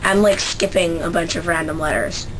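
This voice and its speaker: A young woman from Central Canada, speaking with a Canadian accent, chats casually in a dialect-survey vlog at normal speed. Her voice is fairly low with fairly even intonation, she hesitates with many fillers and restarts, and background noise is audible.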